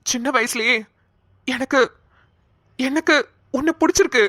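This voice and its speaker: A woman's voice: high-pitched, a bit bright, no room sound, studio quality. A woman voicing a young man, a shy childhood friend who hesitantly confesses his love. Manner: hesitant, halting speech.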